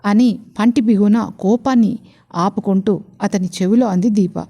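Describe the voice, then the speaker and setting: A woman's voice: medium pitch, normal speed, mellow. A woman narrating a romance audio story, telling it steadily and voicing every character herself.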